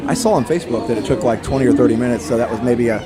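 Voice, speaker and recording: A man's voice: medium pitch, racing. A man hosting a live stream, chatting casually with viewers in an easygoing, conversational way from a busy public station. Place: busy public theme park transit station. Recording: loud busy crowd behind the voice.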